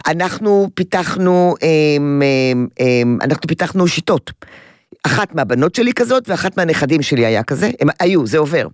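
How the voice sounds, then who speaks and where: An older woman speaks into a studio microphone, the sound dry and close. She hosts a call-in advice show as a child therapist. She explains things in a lively way and often slips into the voices of the children she describes. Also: low voice, no room sound. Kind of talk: call-in radio advice talk. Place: radio studio.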